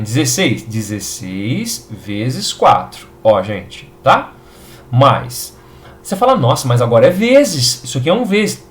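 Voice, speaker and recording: A man with a Brazilian Portuguese accent teaching a chemistry video lesson, upbeat and reassuring, often checking in with his students. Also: mid-range voice.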